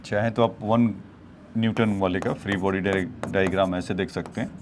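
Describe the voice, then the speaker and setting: A man's voice: low voice, fairly even intonation, moderate pace, background noise. A male physics teacher working through problems on a board, explaining each step and addressing his students as children. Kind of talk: whiteboard problem-solving lecture.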